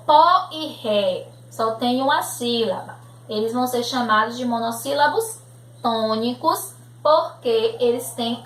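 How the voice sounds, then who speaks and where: A primary school teacher with a Brazilian accent and a somewhat high, slightly bright voice explains a grammar lesson to young children slowly and patiently. She often checks in with "né?" and "tudo bem?" to see that they follow. It's recorded in an echoey room at home with slight background noise.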